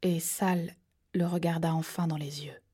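A woman narrating a thriller audiobook in a steady, measured storytelling voice that drops to hushed tones at tense moments. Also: fairly low pitch, breathy edge.

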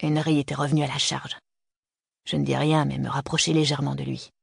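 An audiobook narrator reading a first-person novel in an even, measured way. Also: mid-range voice, gravelly, breathy edge, no echo, clean studio sound.

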